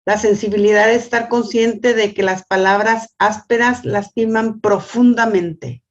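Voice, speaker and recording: An older woman gives a church family lesson, often repeating words and asking "¿sí?", and tells stories in a lively voice. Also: mid-range voice, measured pace, dull audio. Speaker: family school teacher. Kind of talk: church teaching talk.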